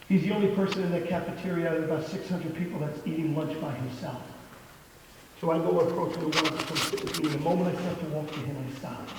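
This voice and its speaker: A man in his fifties telling an earnest story as a motivational speaker at a school assembly, his voice dropping quiet to make a point. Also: a little high, background noise. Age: 50s. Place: large school hall. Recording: echoey hall recorded from far off.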